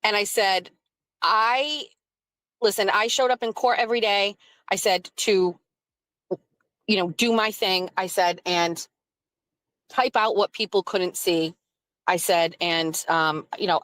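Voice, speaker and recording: A woman's voice: on the low side, fairly even intonation, a little slow, a bit bright, no echo. A woman telling a story on a live stream, rambling with many fillers and reading chat comments. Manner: rambling with frequent "like" fillers and laughs; reads and answers chat comments.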